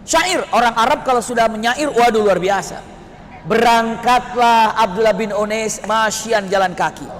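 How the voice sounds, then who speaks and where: Preacher guy, really high voice, dramatic storytelling, echoey hall. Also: moderate pace, slight background noise. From West Java, Indonesia. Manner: dramatic storyteller, asks the audience questions. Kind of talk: storytelling sermon.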